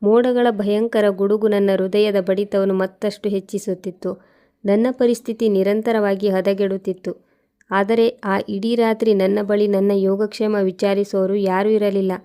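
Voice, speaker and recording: A woman reading a first-person moral story aloud in a steady, even way. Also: medium pitch, clear, resonant tone.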